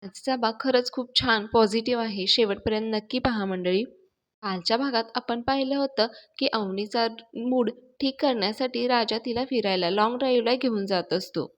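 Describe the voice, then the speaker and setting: A woman host recapping a television serial episode for her channel. She tells the story in a lively, chatty way, with a slightly high voice. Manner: lively storytelling with quoted dialogue. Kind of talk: casual recap narration.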